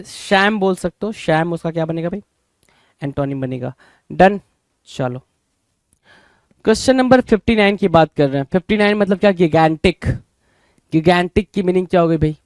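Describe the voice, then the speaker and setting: High-voiced teacher, dry close sound. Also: male voice, moderate pace, darkish tone, smooth, no room sound. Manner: repeats questions to the class, addresses viewers as bhai. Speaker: vocabulary teacher. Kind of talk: Hinglish exam-prep lesson.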